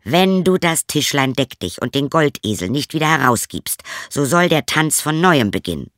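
A man's voice: medium pitch, big pitch swings, unhurried, fairly bright tone, no room sound, clean studio sound, full character voice. Man playing a bold young journeyman. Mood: stern. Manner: proud, emphatic declaiming. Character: young male journeyman turner, bold and boastful.

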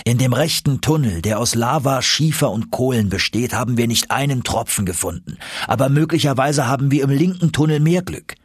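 A man's voice: mid-range voice, brisk, hardly any pauses, slightly rough, no echo, studio quality, pitched above the performer's own voice, lightly acted. A man voicing a stern, obsessive old professor on an expedition, commanding and stubborn, in an audiobook reading. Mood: persuasive. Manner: stubborn, commanding, tender at times.

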